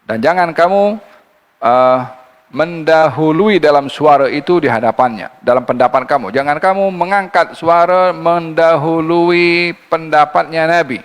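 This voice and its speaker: A man giving a Quran commentary lecture, reciting verses slowly and then explaining them in a lively teaching voice. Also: a little high. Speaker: religious teacher. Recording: long hall reverb.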